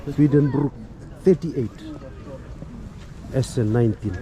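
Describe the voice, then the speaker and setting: A man with a Fijian accent chatting casually to vlog viewers and giving shout-outs, often pausing mid-sentence. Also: mid-range voice, crowd noise. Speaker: vlogger. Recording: clear background noise.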